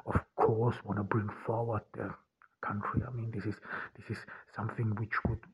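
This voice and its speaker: A man from Austria talking alone on his podcast, halting often and repeating words as he restarts his sentences. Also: fairly low pitch, level tone, highs cut off, a little hiss or hum. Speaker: podcast host and author. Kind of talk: unscripted solo podcast monologue.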